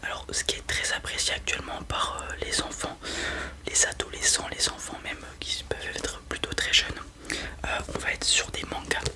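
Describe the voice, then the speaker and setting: A librarian in a whispered role-play, speaking in a soft, breathy, barely voiced library whisper while recommending and reading aloud. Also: moderate pace. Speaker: ASMR host playing a librarian recommending books.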